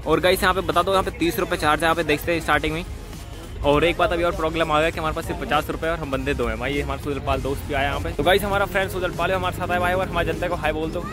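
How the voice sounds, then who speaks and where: A man's voice: a little high, steady tone, very fast. Chatty young man vlogging at a fair. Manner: chatty, joking, addresses viewers as guys. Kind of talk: casual walking vlog. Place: outdoor fair, windy. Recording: loud music and crowd behind.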